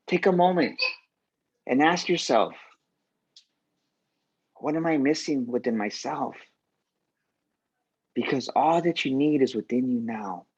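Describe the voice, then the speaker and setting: A man's voice: medium pitch, a little mellow, breathy edge, lo-fi sound. A man giving a faith-based motivational speech as a guest speaker, repeating key lines for emphasis.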